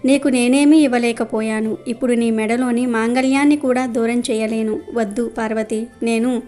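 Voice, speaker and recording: A poor, devout husband pleads in earnest distress, as a woman narrator reads him. The pitch stays fairly high, with soft music under the storybook telling. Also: steady tone, normal speed, lightly acted. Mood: anguished.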